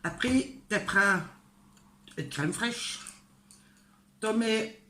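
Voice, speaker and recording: Extremely slow and expressive, a fairly high-pitched, slightly bright voice belongs to an older woman from northern France giving a chatty, homely cooking lesson straight to the viewer, hesitating often with fillers. A little hiss or hum accompanies the echoey kitchen, where cutlery clinks and pots and dishes clatter.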